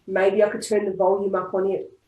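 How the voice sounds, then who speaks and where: An Australian woman leads a group tapping session, talking in calm, repeated affirmations. Her voice sits at a middle pitch. The sound is roomy and echoey, as on an online call. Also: a little fast. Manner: calm, repetitive affirmation-style phrasing. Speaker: EFT tapping practitioner. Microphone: online video call. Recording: roomy echo.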